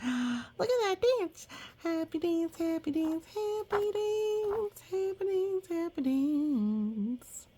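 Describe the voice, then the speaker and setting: A woman with an extremely high, animated voice reads a picture book slowly. She reacts expressively, adds chatty remarks, and explains things gently in the manner of someone talking to young children.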